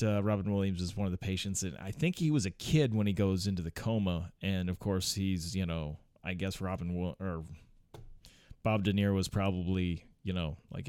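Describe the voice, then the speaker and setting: A man in his thirties hosts a casual solo podcast from home on a close mic, rambling with plenty of fillers and restarts, swearing freely and chuckling often. His low voice moves at a moderate pace and sounds a little mellow, with a clean tone and no echo.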